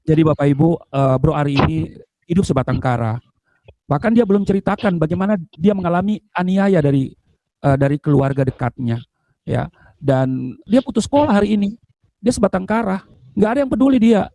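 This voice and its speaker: High-voiced man interviewing, pastoral. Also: expressive, fairly quick, mellow, no echo. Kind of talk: church testimony interview.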